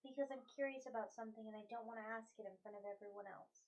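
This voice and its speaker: A woman's voice: on the high side, fairly even intonation, rapid-fire. A woman playing a tabletop role-playing game, speaking in character in a playful, impulsive way.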